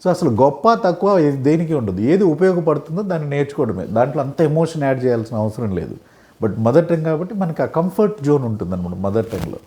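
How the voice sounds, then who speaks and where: A man's voice: a little high, sing-song, quick pace, a little mellow. A middle-aged man, teaching an English lesson in a classroom style, explaining with examples and often checking that listeners follow.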